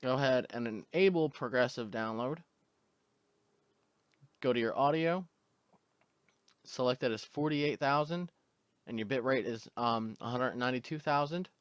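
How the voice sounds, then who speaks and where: Man giving a relaxed gaming tutorial. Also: medium pitch, moderate pace, pauses often, clear, resonant tone, no echo. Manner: relaxed step-by-step instructions with fillers. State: hiccups. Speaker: tutorial host. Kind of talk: casual screen-recording tutorial.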